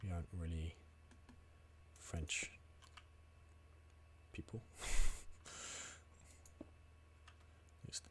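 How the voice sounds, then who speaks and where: A deep-voiced man chatting through a casual gaming livestream. He mutters to himself and swears under his breath as he plays, with a faint hiss behind him. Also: extremely slow, long pauses. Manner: mutters and swears while playing. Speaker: streamer.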